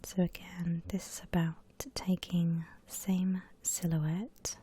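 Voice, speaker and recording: In a breathy whisper, a woman gently walks through an ASMR drawing tutorial, explaining each step without hurry. Her voice is fairly low in pitch, with a level tone and slow pace.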